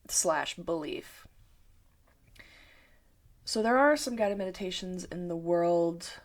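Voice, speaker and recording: A woman meditation teacher calmly explaining guided meditation to her viewers. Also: fairly low pitch. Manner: slow, calm, thoughtful explaining. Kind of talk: talking-head explainer video.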